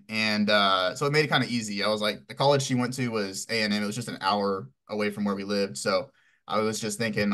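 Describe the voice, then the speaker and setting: Rambling young man, lowish voice. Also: a bit bright. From Houston, Texas. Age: 20s. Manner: rambling, filler-heavy storytelling. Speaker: podcast guest. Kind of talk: casual interview answers.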